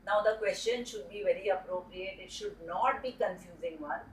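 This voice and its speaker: A woman's voice: mid-range voice, moderate pace, a little hiss or hum. A woman teaching a spoken tutorial, explaining step by step and often repeating herself. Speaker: dowsing teacher. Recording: roomy sound from a distant mic.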